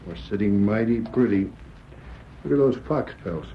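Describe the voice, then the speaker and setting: An actor playing a bossy, scheming crook in an old-time radio adventure, gloating and snapping out orders. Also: male voice, lowish voice, lively intonation, normal speed, dull audio. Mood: smug, gloating. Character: scheming, edgy male fur-swindling villain, bossy boss. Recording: noisy, band-limited vintage radio recording.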